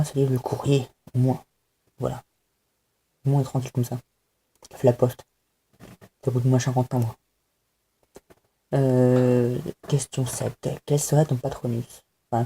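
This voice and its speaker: A man's voice: medium pitch, flat delivery, unhurried, pauses often, mellow, slight background noise. A young man chatting casually to camera at home, hesitant and self-mocking, with many fillers. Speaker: vlogger answering a fan tag. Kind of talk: casual chat.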